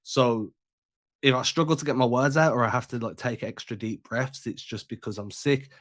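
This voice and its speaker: Congested, slangy podcast host. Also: male voice, mid-range voice, a little fast, a bit bright, no room sound, clean studio sound. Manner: laid-back, slangy, chatty. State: sick and congested. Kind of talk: casual sports podcast chat.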